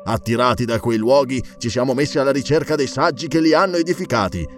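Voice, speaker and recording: A man voicing a cautious male explorer in an audiobook, speaking slowly and weighing each word. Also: medium pitch, soft background music, close to an everyday voice. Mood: measured. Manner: slow, weighing every word. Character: careful, measured male explorer.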